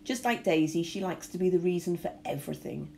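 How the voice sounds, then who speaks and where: A haughty aristocratic lady, snappish and easily outraged, voiced by a woman reading aloud. Her pitch moves a lot, and her tone stays mellow. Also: animated, a little fast, creaky, slight background noise. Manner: snappish, indignant.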